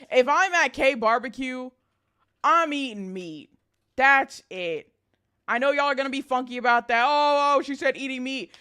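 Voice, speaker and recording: High-pitched, animated woman livestreamer, bubbly and girlish. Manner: blunt, sweary, playfully emphatic. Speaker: livestream host, virtual streamer. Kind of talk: casual livestream chat, reading and answering viewers.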